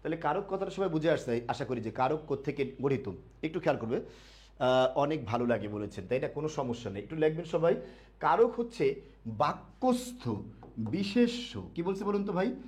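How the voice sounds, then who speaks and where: A man teaching a live online grammar class to admission students. He asks the students questions and answers them himself, repeating key words slowly. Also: on the high side, lively intonation, darkish tone.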